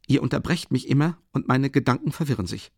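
A man's voice: mid-range voice, animated, gravelly, darkish tone, husky, no room sound, studio quality, voice pushed up. Feverish, irritable young man, as a reader puts him on. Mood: irritable strained. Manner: halting, strained. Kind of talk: audiobook reading.

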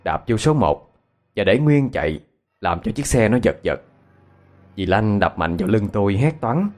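A man with a Southern Vietnamese accent narrating a ghost story in an expressive way. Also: lowish voice, normal speed, soft background music.

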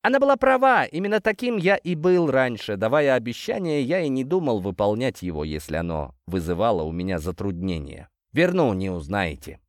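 A man narrating a first-person fantasy audiobook in an expressive storytelling manner. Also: mid-range voice, a little fast, hardly any pauses, no echo, clean studio sound.

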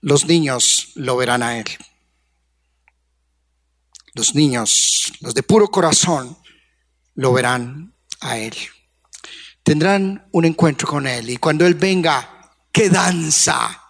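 A man preaching a sermon as pastor, passionate, swinging from hushed to loud, coaxing the congregation with questions. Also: mid-range voice, slow pace, pauses often. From Colombia.

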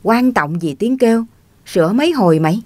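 A woman's voice: medium pitch, lively intonation, fairly quick, dark tone, dry recording, natural voice. Fields: Figure: old countryman, folksy. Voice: woman reading as an old man. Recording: dry. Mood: chiding. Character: elderly rural man, teasing and easygoing.

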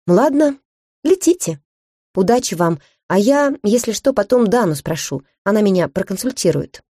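A woman reading an audiobook in the first person, telling the story in a lively, wry way. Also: medium pitch, moderate pace, slightly rough, no room sound, studio quality. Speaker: audiobook narrator. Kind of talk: scripted first-person narration.

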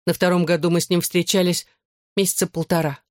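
Reader putting on a jumpy teen girl, prudish, flares up fast, dry close audiobook sound. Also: medium pitch, level tone, no echo, natural voice. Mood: flustered. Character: teen girl, skittish, prudish, quick-tempered. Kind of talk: audiobook character voice.

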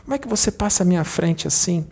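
A man's voice: sits high, fast, a little mellow, husky, voice pushed up. A man doing a haughty, indignant rich man. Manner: scolding, indignant.

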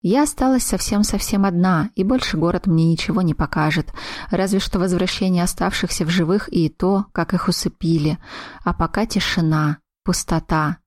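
Woman narrator for a fantasy audiobook, low pitch, dry close recording, unhurried in the dialogue. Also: a little mellow, no echo.

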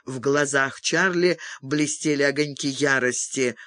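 A man narrating an audiobook with a steady, expressive reading. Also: medium pitch, a little slow, dry recording.

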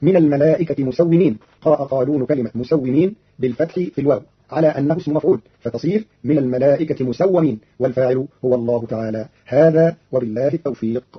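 A man's voice: medium pitch, rapid-fire, few pauses, husky, highs cut off. A man presenting a formal scripted explanation of scripture readings, briefly chanting the verses he quotes, on an old radio broadcast.

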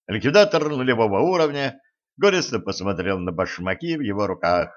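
Give me a man reading an adventure novel aloud with lively storytelling, in a muffled, lo-fi audiobook recording. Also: lowish voice, brisk. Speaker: audiobook narrator. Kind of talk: scripted narration.

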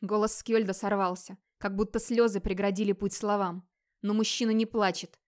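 A woman narrating a dramatic audiobook in a steady storytelling voice. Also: medium pitch, normal speed.

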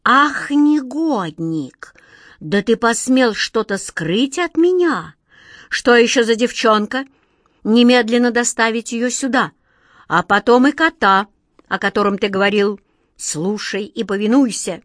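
A scheming fairy-tale king who hisses and barks orders at everyone around him. A woman reads him in a storybook recording. He comes across loud and domineering in a dry, close sound. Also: lowish voice, normal speed, no echo, natural voice. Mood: enraged. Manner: hissing, commanding, loud.

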